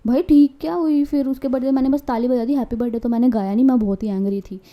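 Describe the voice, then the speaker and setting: A woman's voice: high voice, fast, muffled recording. A young woman co-hosting a podcast, telling a family story in casual chat and acting out her relatives. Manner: animated, mimics family members. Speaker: podcast co-host.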